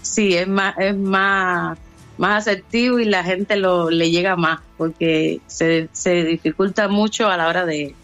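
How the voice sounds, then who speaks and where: A woman from Cuba with a Cuban Spanish accent, talking through her story as an interview guest, with hesitations, restarts and lively quoted voices. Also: fairly low pitch, a little slow, soft background music. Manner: hesitant, many restarts and fillers, lively when quoting others. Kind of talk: conversational storytelling.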